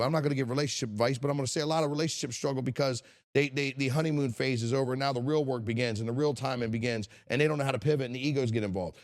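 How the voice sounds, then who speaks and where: Fired-up guy in his 40s doing a solo motivational podcast, blunt, cusses, stumbles over repeated words, mid-pitch voice. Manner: impassioned, blunt, swears, repeats words while thinking. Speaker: podcast host.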